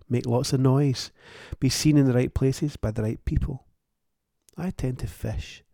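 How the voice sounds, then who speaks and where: A man's voice: mid-range voice, creaky, warm tone, no room sound, studio quality. A man who writes books, hosting his own show in a wry, plain-spoken and thoughtful solo monologue. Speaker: author and podcast host.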